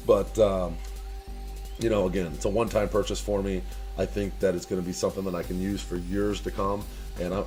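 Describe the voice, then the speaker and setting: This vlogger and online business owner from the Chicago area is a man with a low, dark voice who talks casually to camera. He rambles with many fillers and restarts and asks viewers for advice.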